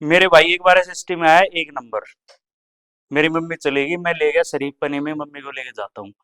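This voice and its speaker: A young man on a comedy stage tells school stories, jumping into quick voices for teachers and classmates. His voice sits a little high for a man and comes through smooth and clear on a handheld mic. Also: pushed and bright. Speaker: stand-up comedian. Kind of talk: stand-up comedy storytelling.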